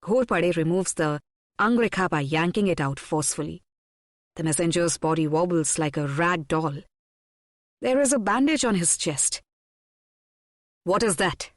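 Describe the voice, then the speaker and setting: A woman narrating a historical audiobook in a measured, dramatic storytelling manner on a close studio mic. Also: lowish voice, lively intonation, dry recording. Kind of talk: scripted narration.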